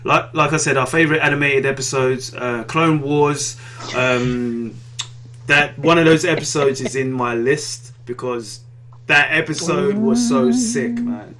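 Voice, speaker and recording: A man's voice: medium pitch, a little slow, crowd noise. A man co-hosting a casual podcast, rambling enthusiastically and often saying "man". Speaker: podcast co-host. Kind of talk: casual chat.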